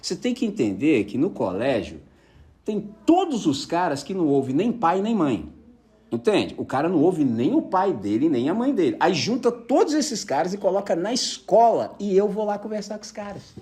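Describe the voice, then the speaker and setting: A man's voice: high-pitched, moderate pace. A man preaching a casual sermon, telling personal stories and checking with his listeners that they follow. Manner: animated storyteller, keeps asking the audience if they follow.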